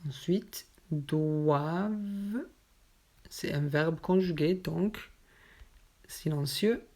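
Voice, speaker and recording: A woman teaching French pronunciation, explaining each example word patiently and saying it slowly and carefully. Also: deep voice, darkish tone. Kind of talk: slow explanatory lesson.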